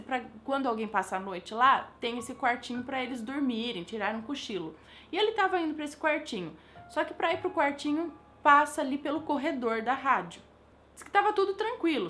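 A woman's voice: on the high side, a bit bright. A woman with a Brazilian Portuguese accent, hosting a channel and telling a viewer's paranormal story in a chatty, casual way, musing aloud with rhetorical questions.

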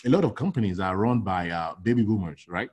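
This Nigerian logistics consultant, middle-aged, has a lowish, slightly rough voice and talks fairly quickly. Chatting casually in an interview, he's animated and peppers his speech with restarts and "you know."

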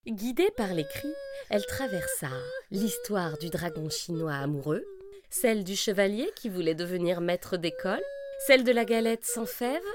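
A woman narrating a children's story, expressive and lively. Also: medium pitch, moderate pace. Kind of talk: storybook reading.

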